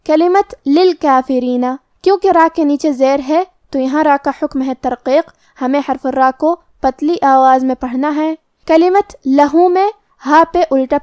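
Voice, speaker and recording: A woman teaching Quran recitation rules, explaining each letter and rule calmly and step by step. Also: sits high, no room sound, clean studio sound. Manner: calm, methodical step-by-step explanation. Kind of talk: explaining tajweed rules in Urdu.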